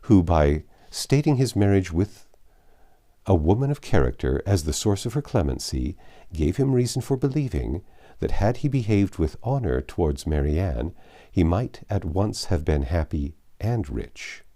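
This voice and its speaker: A man reads a classic novel aloud as an audiobook narrator, his low-sitting voice carrying measured, expressive storytelling phrasing.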